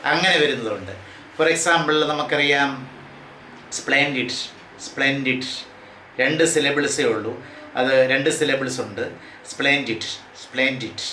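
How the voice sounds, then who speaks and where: A man teaching English grammar to exam students. He reads rules out slowly and drills word forms one by one. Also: mid-range voice, pushed and bright, echoey room, slight background noise, poor audio. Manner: reads English rules out slowly, then explains them at a quicker pace. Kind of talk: classroom lecture for exam students.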